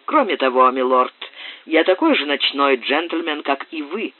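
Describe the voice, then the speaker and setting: A man reading a cold-blooded, calm doctor. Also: fairly high pitch, measured pace, husky, no room sound. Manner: calm, unruffled. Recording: tinny, dry, phone-like audio.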